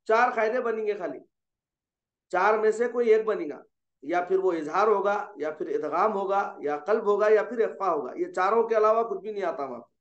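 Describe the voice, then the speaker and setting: High voiced guy teaching recitation rules, patient, keeps asking if u got it, roomy muffled sound. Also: a bit bright. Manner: explains patiently, asks checking questions, slows for drawn-out examples. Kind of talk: online tajweed lesson. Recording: dull, echoey room sound.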